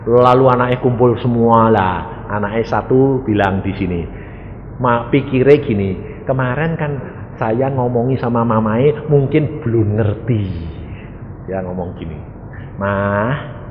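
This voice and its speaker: A man preaching a sermon, telling stories and acting out the people in them with sudden shouts. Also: mid-range voice, measured pace, narrow, tinny audio. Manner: animated, acts out quoted voices, sudden shouts. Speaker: evangelist preacher. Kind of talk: sermon with storytelling. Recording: echoey hall with faint noise.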